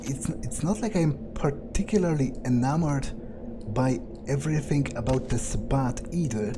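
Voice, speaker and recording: Against a noisy background, a man with a mid-range voice plays a video game and narrates in character. He muses aloud hesitantly and swears in a casual way.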